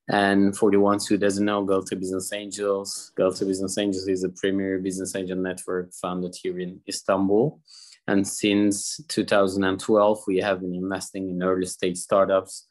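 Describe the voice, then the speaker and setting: A man's voice: low-pitched, little pitch movement, moderate pace. A man introducing himself as an investor on a jury at an event.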